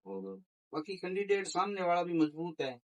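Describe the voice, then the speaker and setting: A farmer, answering a reporter firmly and plainly. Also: male voice, high-pitched, moderate pace, poor audio. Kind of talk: street interview.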